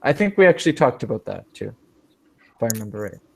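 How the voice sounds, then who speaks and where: A man's voice: mid-range voice, sing-song, fast talker, gravelly, a little mellow, husky. A man teaching an advanced English speaking class, patiently explaining word meanings with examples. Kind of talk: online language class.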